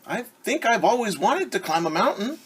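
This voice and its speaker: A man voicing a small, hopeful toy bear in a storybook read-aloud, speaking high and soft with wonder. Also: big pitch swings, normal speed, husky, full character voice.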